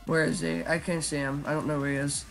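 A man giving casual live commentary while he plays a shooter game, talking in a flat, chatty way with lots of ums. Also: fairly high pitch, fast, soft background music. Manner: self-described monotone, chatty, with frequent ums. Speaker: gaming YouTuber.

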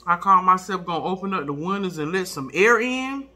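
A middle-aged woman with a very bright, forceful voice, chatting casually over her food. She chews while talking and speaks in a folksy, expressive manner, repeating words for emphasis. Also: lowish voice, fairly quick. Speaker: mukbang video host. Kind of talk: casual chat while eating.

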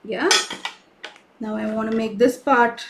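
A woman's voice: a little high, steady tone, unhurried, background noise. A woman leading a live craft class for children, cheerful and coaxing, often checking in with questions. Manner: cheerful, coaxing, asks kids many questions. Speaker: craft teacher for kids. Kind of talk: live online kids' craft session.

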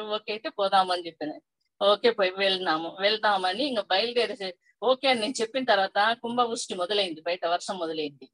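A woman's voice: on the high side, no echo, poor audio. An older woman sharing a personal family story at a spiritual workshop, talking casually and quoting her relatives in brief asides. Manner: conversational, quotes family members in lively asides. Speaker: workshop participant sharing experience.

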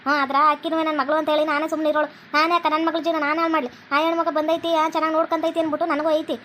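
A woman's voice: high voice, flat delivery, rapid-fire, a bit bright, a little hiss or hum. A woman with a North Karnataka Kannada accent, voicing the women of a home cartoon in a dramatic, scolding way. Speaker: voices all female characters. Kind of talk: cartoon voice acting.

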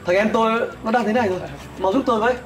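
A protective older brother, played by a man, in a web skit drama. He speaks earnestly and quickly in a fairly high voice, over music. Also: fairly even intonation, close to an everyday voice. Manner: earnest, pleading. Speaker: actor. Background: background music.

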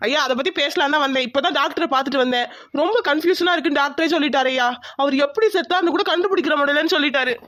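This is a determined male police inspector in an animated crime story. He questions people firmly and keeps insisting on answers. The voice sits high and sounds close and dry. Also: very fast, no room sound. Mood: reassuring. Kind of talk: cartoon voice acting.

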